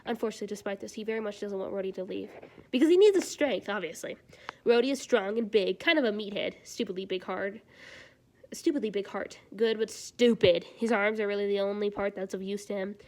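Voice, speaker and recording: A woman streamer reading fan fiction aloud live, breaking off into chatty, animated reactions. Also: mid-range voice, fairly quick.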